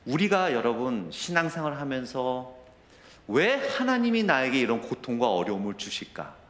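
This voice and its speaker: A man's voice: medium pitch, a bit bright. A middle-aged man preaching a sermon as a pastor, telling a personal story and rising to emotional intensity. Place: church sanctuary. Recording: roomy church echo.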